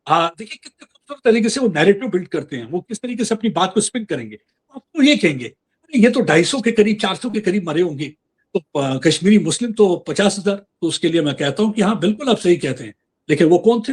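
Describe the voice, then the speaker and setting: Husky high-voiced man arguing a point. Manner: earnest, mixes Hindi and English, frequent fillers. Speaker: guest. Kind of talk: political interview discussion.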